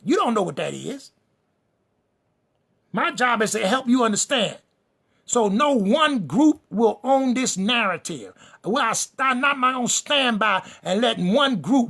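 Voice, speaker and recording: A man with a high, gravelly voice preaching a fiery sermon-style lecture. He hammers his points home in repeated refrains and lists, speaking directly to the people in front of him. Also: bright, forceful tone. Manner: emphatic and repetitive, addresses the listeners directly; builds lists and refrains for rhythm. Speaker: preacher and teacher.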